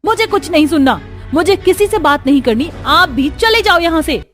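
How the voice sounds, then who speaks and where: Woman voicing a prickly young cartoon girl, high-pitched, indignant, music behind. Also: sing-song, normal speed. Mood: angry. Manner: indignant, raised voice. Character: touchy young unmarried woman, quick to anger.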